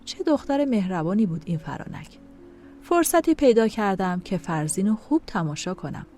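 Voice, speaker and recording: A woman's voice: mid-range voice, expressive, warm tone, faint music behind. A woman narrating a dramatic first-person story in an emotional, scripted reading.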